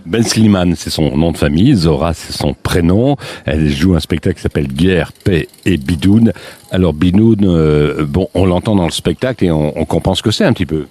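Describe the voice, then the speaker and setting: Man, very low voice, interviewer, direct casual questions. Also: normal speed, dark tone.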